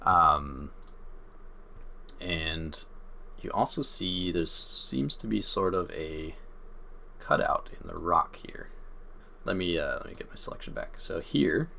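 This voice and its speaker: A man's voice: low voice, animated, takes it slowly, vocal fry, pauses often, pushed and bright. A man narrating a tabletop game as dungeon master, descriptive and easygoing with frequent fillers.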